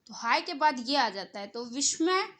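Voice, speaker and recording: High bright woman teacher, rajasthani hindi accent, going slow thru a grammar lesson for kids. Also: lively intonation. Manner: slow, explaining teacher's manner, stretching example sentences. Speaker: school teacher. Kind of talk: online grammar lesson for children.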